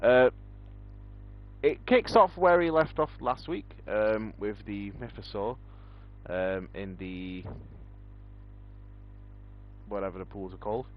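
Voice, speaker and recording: A young man with a fairly low voice chats loosely, filling gaps with ums as he goes. The recording sounds dull and lo-fi. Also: slow, long pauses. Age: young adult. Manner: rambling, many ums. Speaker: podcast host. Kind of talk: casual chat.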